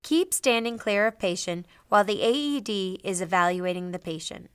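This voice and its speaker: A middle-aged woman narrating a scripted training demonstration in a clearly enunciated, instructional manner. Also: mid-range voice, normal speed, dry recording, clean studio sound. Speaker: instructor, presenter.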